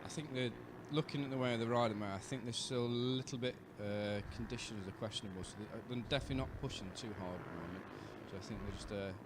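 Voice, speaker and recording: A man with a British accent, a rider working as co-commentator, explaining racing in a relaxed way with many fillers. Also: mid-range voice, fast, few pauses, background noise. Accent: British English. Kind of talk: live race commentary. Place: outdoors at a racetrack.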